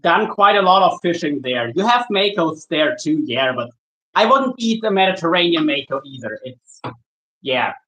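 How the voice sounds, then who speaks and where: A man's voice: a little high, very animated, a bit bright, rough recording. Easygoing man chatting while working. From Germany. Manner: easygoing, halting, with restarts and repeated words. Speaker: shark angler answering viewer questions. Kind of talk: casual livestream chat while working.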